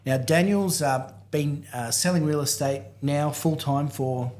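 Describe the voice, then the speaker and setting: A man's voice: on the high side, measured pace, darkish tone. A man hosting a real estate podcast, introducing his guest with upbeat enthusiasm. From Australia. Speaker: podcast host. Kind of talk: casual podcast interview.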